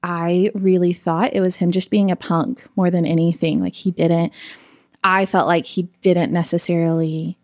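Low, gravelly-voiced woman telling her story. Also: little pitch movement, moderate pace, a little mellow, dry recording, studio quality. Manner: candid, reflective, with frequent fillers. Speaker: interview guest. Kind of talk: personal storytelling in a conversation.

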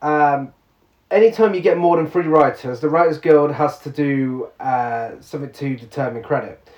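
Male podcast co-host, slightly high voice, sarcastic and laughing; roomy, dull recording. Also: moderate pace, a little mellow. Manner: sarcastic, laughs often, reads trivia aloud. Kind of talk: casual film review chat. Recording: roomy, muffled sound.

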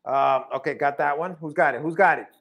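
A man's voice: a little high, a little fast, a bit bright. A man co-hosting a casual chat, joking around and repeating his lines.

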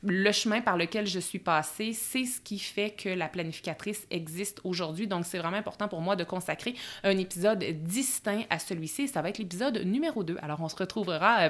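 A woman in her thirties with a Québécois accent, hosting her own solo podcast in a chatty, conversational way with frequent hesitations. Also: mid-range voice. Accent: Québécois French. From Quebec, Canada. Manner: chatty, warm-hearted, hesitant with frequent pauses. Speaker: podcast host.

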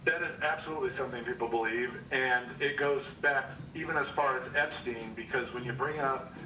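A man's voice: medium pitch, steady tone, fairly quick, pushed and bright, soft background music. A man calling in to a live show from Arizona, joking and arguing as a devil's advocate. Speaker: caller. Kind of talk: call-in radio chat. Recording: echoey, distant, noisy phone call.

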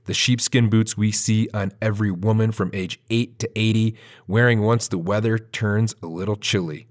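A man's voice: fairly low pitch, steady tone. A man hosting a podcast, narrating a scripted introduction and then interviewing a guest. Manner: measured storytelling narration. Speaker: podcast host.

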